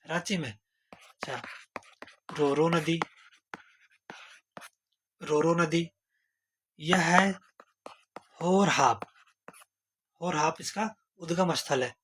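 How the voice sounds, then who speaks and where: A man teaching an exam-prep lesson, asking rhetorical questions and using playful memory tricks. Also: a little high. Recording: noisy recording. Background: steady background noise.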